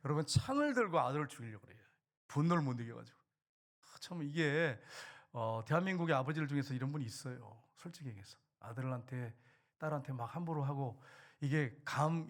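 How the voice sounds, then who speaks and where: A middle-aged man preaching a sermon as pastor in a church, swinging from raised declarations to hushed low asides. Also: lively intonation, brisk. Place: church sanctuary.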